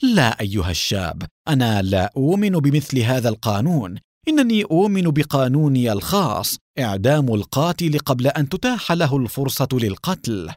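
Brief: cold, sarcastic masked gunslinger, read by a man, lively pitch, dry sound. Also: brisk, dry recording, close to an everyday voice. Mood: mocking. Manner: calm, mocking. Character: calm masked vigilante cowboy, a grown man, cold and sarcastic.

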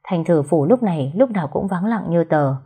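A woman narrating an audio story in a steady storytelling voice. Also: fairly low pitch, normal speed, slightly rough.

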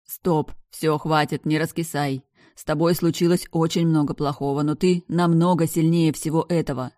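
Woman voicing a gentle young brother in an audiobook, soft and reassuring, low dry voice. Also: flat delivery, moderate pace, dry recording, natural voice. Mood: tender. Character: gentle protective dead older brother, tender young man. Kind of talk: audiobook character reading.

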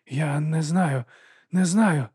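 A man's voice: a little high, a little fast, darkish tone, breathy edge, no echo, clean studio sound, voice pushed up. Man doing Lobsang, a strained young apprentice. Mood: uneasy. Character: anxious, eager young male apprentice.

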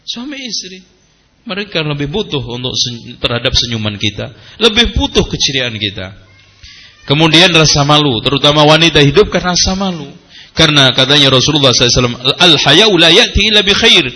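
Bright, animated preacher man. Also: on the high side, a little fast, breathy edge. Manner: animated, jokes with the audience, quotes Arabic. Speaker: Islamic preacher. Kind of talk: sermon with humor.

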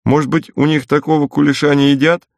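A curious young village girl, as a male reader puts her on, asking one wondering question after another. The voice is lifted well above his own, with a gravelly grain and a dry close sound. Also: fairly high pitch, level tone, fast, no room sound, pitched above the performer's own voice.

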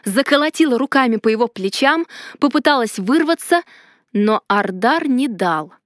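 A woman narrating a first-person fantasy romance audiobook in a lively, expressive way. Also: a little high, normal speed, no room sound, clean studio sound.

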